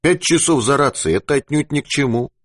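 A man voicing an excitable, feverish adult male geologist in an audiobook who rambles and shouts. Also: medium pitch, a little fast, no echo, clean studio sound, voice pushed up, close to an everyday voice. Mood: calm.

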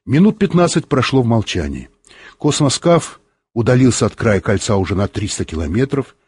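Husky, expressive male audiobook narrator. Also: mid-range voice, normal speed. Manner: expressive, animated reading.

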